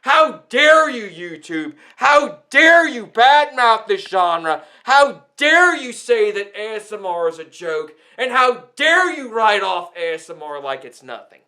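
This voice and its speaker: An ASMR content creator with a high, pushed, bright voice delivers an indignant, emphatic rant aimed at the platform. He speaks slowly but very animatedly, with hardly any pauses, scolding and repeating phrases for effect.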